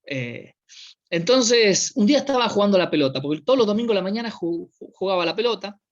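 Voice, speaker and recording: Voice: medium pitch, quick pace. A preacher with an Argentine accent telling a church anecdote in a sermon, acting out the people in it. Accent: Argentine Spanish. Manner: anecdotal, animated retelling with voiced quotes. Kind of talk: storytelling sermon. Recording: dull lo-fi recording.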